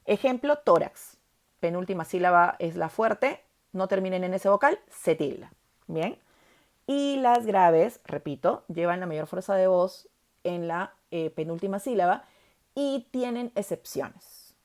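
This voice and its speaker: Woman, teacher, emphatic, checks in often, fairly low voice. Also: lively intonation, measured pace, darkish tone. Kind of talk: spanish grammar lesson.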